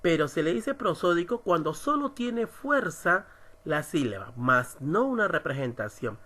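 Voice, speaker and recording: A man teaching an online writing class, slowly stressing syllables as he explains. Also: on the high side, sing-song, pushed and bright. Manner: slow, emphatic, stresses syllables. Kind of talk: recorded online lesson.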